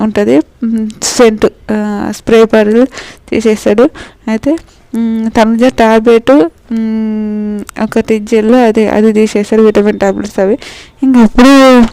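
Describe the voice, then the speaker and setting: A woman's voice: on the high side, warm tone, dry recording, rough recording. A woman, casually recapping a reality show episode, chatty with many fillers and restarts. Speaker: show reviewer.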